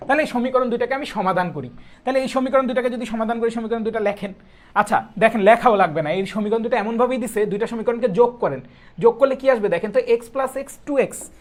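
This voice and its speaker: A young man, teaching a live math class. He asks the students questions, answers them himself and repeats the steps. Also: very high voice. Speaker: math tutor. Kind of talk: live online exam-prep math class.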